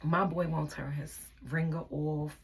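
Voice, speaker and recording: A woman's voice: low voice, little pitch movement, unhurried, slightly rough. A young woman telling a personal relationship story in a candid, venting storytime vlog, sometimes dropping into a whisper.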